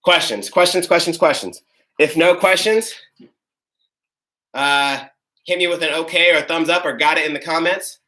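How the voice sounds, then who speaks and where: Breathing hard, a young coach demonstrates and talks through moves in a live online workout, staying upbeat and casual. His fairly high voice sounds pushed and bright, at a moderate pace broken by long pauses. It's recorded from a distance in an echoing room.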